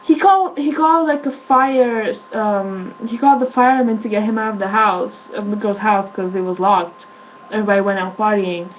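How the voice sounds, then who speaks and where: A woman's voice: medium pitch, moderate pace, dull audio, slight background noise. A woman reviewing a film in a casual vlog, blunt and exasperated, swearing as she rants.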